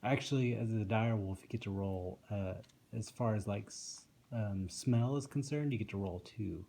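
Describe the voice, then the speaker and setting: A man's voice: fairly low pitch, moderate pace, vocal fry, mellow. A man casually narrating a tabletop fantasy game as game master. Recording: echoey room, faint background noise.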